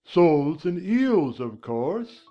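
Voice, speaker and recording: A man's voice: a little high, very animated, slow pace, lo-fi sound, soft background music. A man voicing a solemn, impatient male Gryphon who bosses others around, in a dramatized audiobook. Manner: blunt, impatient, bossy.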